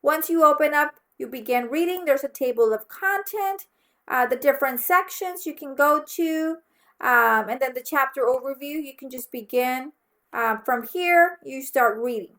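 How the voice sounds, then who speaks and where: A college teacher from Mexico, a native Spanish speaker with a Mexican accent, runs an online course orientation in a high-pitched, slightly bright and animated voice at normal speed. She's instructive and keeps checking that students follow, often asking "okay?"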